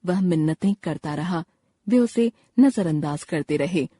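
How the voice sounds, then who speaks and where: Measured woman reading a textbook lesson. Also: fairly low pitch, animated, warm tone, breathy edge, no echo. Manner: slow, measured, explanatory reading. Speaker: textbook narrator.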